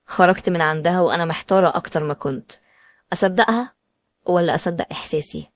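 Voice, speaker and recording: A woman's voice: on the low side, quick pace, dry recording, clean studio sound. A woman with an Egyptian accent, telling a dramatic first-person story in an emotional, anxious way. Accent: Egyptian Arabic.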